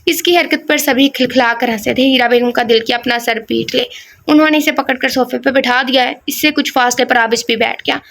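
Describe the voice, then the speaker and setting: A woman narrating a romance audio novel in a calm, steady reading voice. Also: high-pitched, creaky.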